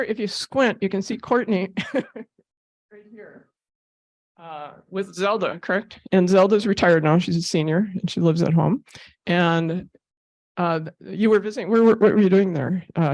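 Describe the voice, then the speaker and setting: A woman's voice: fairly low pitch, a little mellow, dry recording. A woman giving a casual talk with slides as a therapy animal volunteer, a chatty storyteller who laughs often and uses many fillers.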